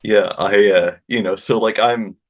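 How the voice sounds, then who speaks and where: A man with a fairly low voice tells a humorous personal story in casual podcast conversation. He is wry and self-deprecating. His delivery is halting, with stammers and repeated phrases. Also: fairly even intonation. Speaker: guest telling an anecdote.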